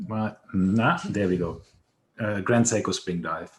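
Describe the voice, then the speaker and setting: A man's voice: on the low side, a little slow. A man introducing himself on a live video call, casual and a bit fumbling.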